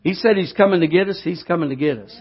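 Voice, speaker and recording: Husky folksy preacher, man. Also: fairly high pitch, fast. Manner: folksy storytelling, rising to fervent preaching. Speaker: pastor. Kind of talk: sermon. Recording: dull lo-fi sound.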